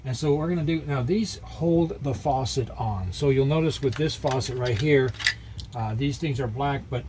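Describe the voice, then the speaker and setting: A man hosting a casual how-to vlog from inside a small trailer, talking viewers through a repair in a folksy, halting way. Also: medium pitch, mellow. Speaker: host of an RV living how-to vlog. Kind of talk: casual DIY tutorial. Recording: clear background noise, location sound.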